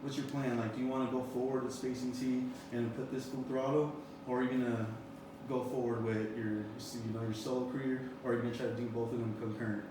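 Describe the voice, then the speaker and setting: A man's voice: mid-range voice, level tone, fast talker. Rambling young man hosting from far off. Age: 20s. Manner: rambling, many fillers like "you know" and "um". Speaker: interview host. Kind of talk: casual interview. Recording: roomy echo, far from the mic, background noise.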